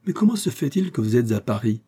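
A man voicing an excitable young working man in an audiobook. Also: medium pitch, fast, slightly rough. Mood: exuberant. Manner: exuberant, excitable.

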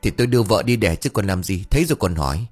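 A man's voice: lowish voice, animated, rapid-fire, husky, faint music behind. A man voicing a scatterbrained young husband. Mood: blustering. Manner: rambling, blustering.

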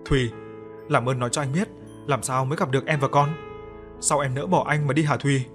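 A man's voice: medium pitch, steady tone, brisk, lightly acted. A man playing a grief-stricken young husband who pleads desperately, with faint music behind.

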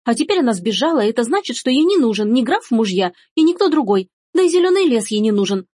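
A shrill, spoiled young noblewoman with a high voice that whines and wheedles, as a woman reads her in a storybook. Her tone is husky, and the recording is dry and close. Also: very animated, fast talker, a little mellow, dry recording. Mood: scheming. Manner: shrill, whining, shrieking. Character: spoiled scheming young noblewoman, whiny, lying.

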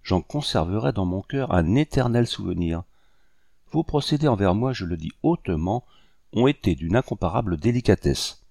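A man voicing a gentle young French lady. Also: on the low side, animated, moderate pace, gravelly, dry recording, studio quality. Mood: earnest pleading. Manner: gentle, pleading and courteous. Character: earnest young French lady of colonial gentry.

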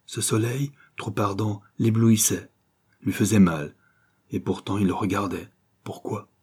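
A man narrating a classic novel as an audiobook, measured and expressive. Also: on the low side, slightly rough. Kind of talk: scripted literary narration.

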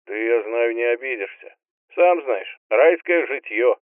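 A man's voice: mid-range voice, animated, unhurried, no echo, close to an everyday voice. Audiobook casting: a man playing a joking young pal over a tinny phone line, easygoing. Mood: breezy.

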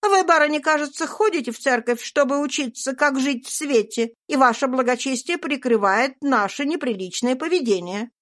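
A woman voicing a wry, world-weary gentleman father with an ironic, teasing manner, in a storybook reading. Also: sits high, pitched above the performer's own voice.

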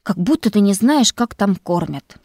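A woman voicing a cheeky young male student who whines and flatters to get fed. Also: mid-range voice, moderate pace, no echo, studio quality. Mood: wheedling. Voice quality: wheedling, whiny when pleading. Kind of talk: audiobook character voice.

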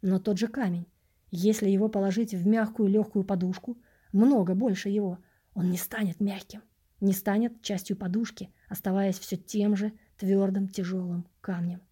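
A woman reading an audiobook, voicing a patient, wise male vagrant mentor in a measured, instructive way. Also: mid-range voice, fairly even intonation, mellow, breathy edge, lightly acted. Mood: reflective.

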